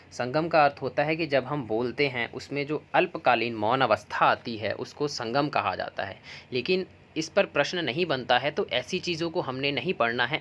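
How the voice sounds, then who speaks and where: A man's voice: mid-range voice, a bit bright. A man teaching an exam preparation lesson, explaining points patiently with mnemonics and examples. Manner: explanatory, uses mnemonics and stories. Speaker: Hindi exam coaching teacher. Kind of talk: classroom-style exam prep lesson.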